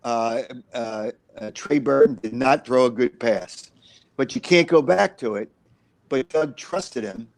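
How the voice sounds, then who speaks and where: A man's voice: mid-range voice, a little slow, vocal fry, no room sound, low-quality recording. A man talking through football analysis as a co-host, rambling and repeating himself with frequent uhs. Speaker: sports co-host. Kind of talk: casual sports analysis chat.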